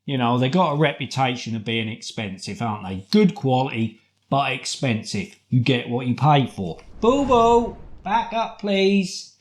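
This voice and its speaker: A man with a British accent giving a casual product review in a chatty, deliberate way, often posing rhetorical questions. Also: mid-range voice. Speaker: food review vlogger.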